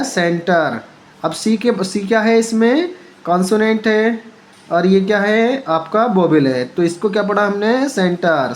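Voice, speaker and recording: Guy teaching pronunciation real slow, spells stuff out letter by letter and keeps asking you back. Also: sits high. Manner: spells words letter by letter and quizzes the viewer. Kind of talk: spoken pronunciation lesson.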